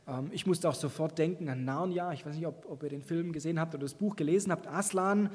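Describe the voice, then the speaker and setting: A man's voice: fairly high pitch, fast talker, breathy edge. A man preaching a sermon, earnest and encouraging, speaking directly to his listeners. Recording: long hall reverb.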